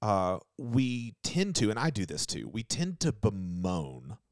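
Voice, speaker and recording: A man's voice: lowish voice, sing-song, measured pace, dry recording, clean studio sound. Rambling man thinking aloud. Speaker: podcast co-host. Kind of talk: casual discussion.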